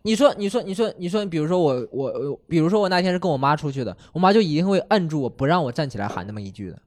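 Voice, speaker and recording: A man telling a comic story in casual chat on a comedy podcast, animated and full of quick restarts. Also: on the high side.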